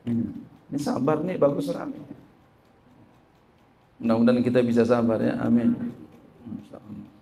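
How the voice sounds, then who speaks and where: This male Islamic teacher has a medium-pitched voice with vocal fry, talks at normal speed, and pauses often over a faint hiss or hum. Teaching a religious text sermon-style, he is lively and repetitive, answers his own questions to the audience, and translates the Arabic he reads.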